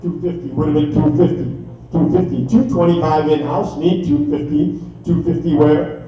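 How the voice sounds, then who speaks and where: A man working as an auctioneer, calling bids live in a rapid, repetitive chant with filler phrases. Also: a little high, steady tone, slight background noise. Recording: echoey distant dull room sound, faint music.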